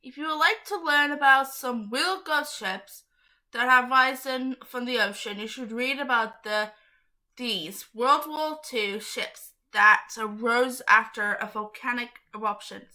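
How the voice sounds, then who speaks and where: A woman's voice: on the high side, unhurried, bright, forceful tone. A woman hosting her own channel, reading aloud to viewers in a casual, chatty way, giggling often and getting easily sidetracked. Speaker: channel host.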